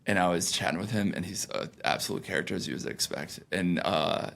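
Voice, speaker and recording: A young man with a low, gravelly voice talks casually in a podcast interview. He rambles, filling pauses and restarting his sentences as he goes. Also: fairly bright tone. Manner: loose and rambling, with many fillers and restarts. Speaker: founder, guest.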